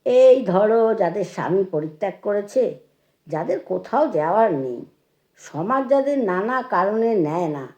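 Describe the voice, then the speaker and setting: A woman voicing a gentle elderly teacher. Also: mid-range voice, sing-song, slow. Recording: echoey room.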